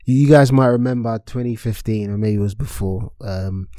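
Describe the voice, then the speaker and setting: A man co-hosting a finance podcast, speaking in a low, dark, mellow voice. He explains with hesitant fillers and restarts as he searches for the right words. The recording is dry and close. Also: fairly quick, no echo. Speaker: podcast co-host. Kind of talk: casual finance podcast chat.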